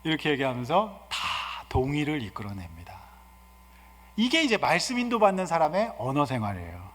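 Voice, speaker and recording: A male guest pastor giving an animated, humorous sermon and asking the congregation questions. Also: a little high, a little fast. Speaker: guest pastor and seminar speaker. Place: church sanctuary. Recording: reverberant church hall.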